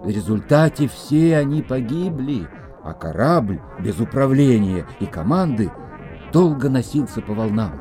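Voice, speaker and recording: An actor playing a rational, bookish little bug companion who explains precisely and gets flustered easily in a children's audio drama. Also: male voice, medium pitch, very animated, unhurried, dark tone, soft background music. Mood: storytelling, reassuring.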